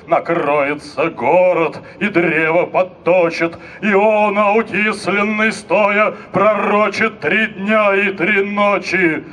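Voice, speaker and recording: A middle-aged man reciting poetry as dramatic declamation, with measured, deliberate phrasing and repeated refrains, speaking into a handheld microphone outdoors. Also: fairly high pitch, fairly bright tone, a little hiss or hum. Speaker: poet reciting at an outdoor reading. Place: outdoor stage area in a forest. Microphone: handheld microphone through speakers, filmed from a distance.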